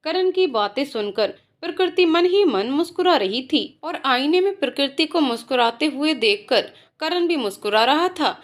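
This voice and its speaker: Brief: woman storyteller, high voice, steady scripted narration. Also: normal speed, few pauses.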